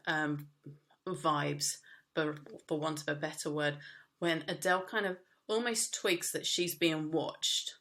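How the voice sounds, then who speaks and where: A woman's voice: low-pitched, fairly bright tone. A woman teaching a media studies lesson, explaining casually with frequent fillers and restarts. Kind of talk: recorded lesson.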